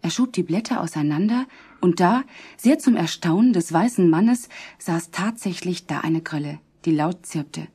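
Woman narrator, low pitch, mellow, husky, calm storybook reading. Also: normal speed.

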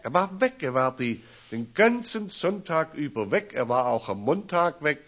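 A man, a pastor preaching a storytelling sermon in a slow, deliberate way. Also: fairly high pitch. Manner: slow, deliberate, animated rises and drops. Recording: dull lo-fi recording.

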